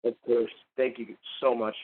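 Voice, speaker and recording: Over a phone-like narrow line, a man with a mid-range voice and flat delivery wraps up his podcast at a moderate pace. The outro is casual and effusive, full of thanks, with rambling sign-offs, fillers and restarts.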